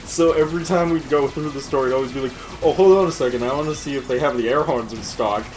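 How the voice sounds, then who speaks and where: A man's voice: medium pitch, steady tone, fast talker, slight background noise, rough recording. A man doing casual let's play commentary, a chatty, sweary storyteller telling anecdotes. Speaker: gaming commentator. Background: game music.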